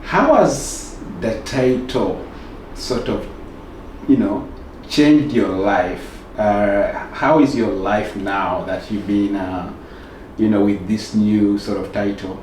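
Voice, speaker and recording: A man's voice: lowish voice, slow, darkish tone, far from the mic, a little hiss or hum. Effusive male interview host, roomy sound. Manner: many fillers and hesitations, effusive. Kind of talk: news channel interview. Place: studio set with roomy sound.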